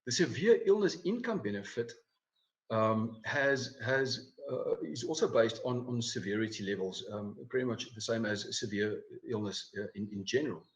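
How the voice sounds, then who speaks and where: A man's voice: medium pitch, expressive, moderate pace. A man, a financial advisor, giving a live presentation over slides, with many fillers and repeated words. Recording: dull lo-fi recording.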